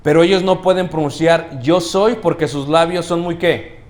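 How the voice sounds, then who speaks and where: A man preaching a teaching sermon in a church. He asks the congregation questions, adds "ok?" often, and stresses key words slowly. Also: fairly high pitch, steady tone, a little mellow. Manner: checks in with the congregation, asking questions and saying "¿ok?".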